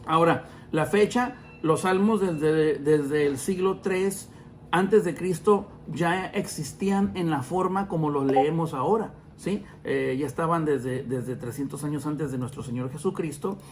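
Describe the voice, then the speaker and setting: A man's voice: a little high, measured pace, a little hiss or hum. Chatty man teaching the Bible. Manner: chatty, many fillers and self-corrections; addresses listeners as brothers. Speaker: podcast host teaching the Bible. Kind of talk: casual Bible teaching talk.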